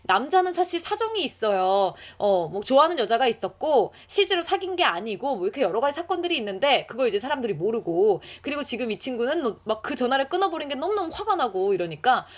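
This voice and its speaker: Lively, animated woman language teacher. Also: sits high. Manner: lively, encouraging, reads Chinese lines slowly for learners. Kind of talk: online language lesson.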